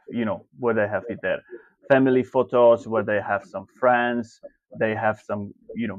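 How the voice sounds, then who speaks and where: A man's voice: mid-range voice, a little mellow, no echo. Man from slovakia on a video call, loose rambly answers, kinda dull dry audio. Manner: loose, filler-heavy phrasing. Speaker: guest, marketing coach. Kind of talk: interview answers.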